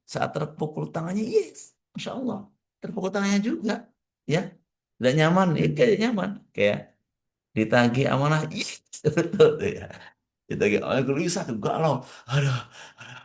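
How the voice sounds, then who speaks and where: A man giving a morning religious study talk as a preacher, speaking conversationally to his listeners and emphatic and repetitive, with wide swings in pitch. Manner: conversational, addressing listeners directly. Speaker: Islamic preacher.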